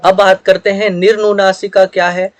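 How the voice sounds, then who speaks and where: Male teacher, high voice, dry close sound; steady explainer working through examples on a page. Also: moderate pace, dry recording. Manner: steady explanatory delivery with examples, occasional throat clearing. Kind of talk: grammar lesson explaining a written page.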